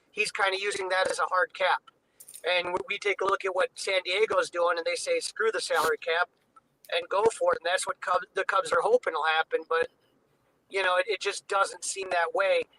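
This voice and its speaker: A man's voice: high voice, bright, forceful tone, slight background noise, poor audio. A man talking baseball as a podcast guest over a video call that breaks up, loose and chatty with lots of fillers. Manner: loose and conversational, many "you know" fillers. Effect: heard over a video call with a breaking-up connection. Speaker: podcast guest covering the Cubs. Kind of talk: casual baseball chat.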